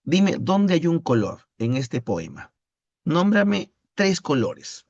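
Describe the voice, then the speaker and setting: A man teaches literature at a slow, unhurried pace. He reads a poem, then quizzes his online class in a playful, teasing way. The sound is dry and a bit dull, like a lo-fi home setup. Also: fairly high pitch, very animated, a little mellow, no room sound. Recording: dull lo-fi audio.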